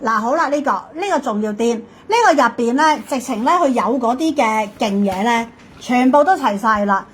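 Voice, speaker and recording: A woman's voice: fairly high pitch, expressive, normal speed, breathy edge. A woman with a Hong Kong Cantonese accent hosting a live shopping stream as a hard-sell ad, emphatic and urging.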